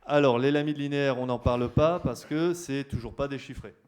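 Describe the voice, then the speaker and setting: A man's voice: mid-range voice, a little fast, darkish tone. Man lecturing with many fillers. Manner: explanatory, many fillers like euh and hein, addresses audience directly. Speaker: archaeologist giving a public lecture. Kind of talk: university lecture. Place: lecture hall.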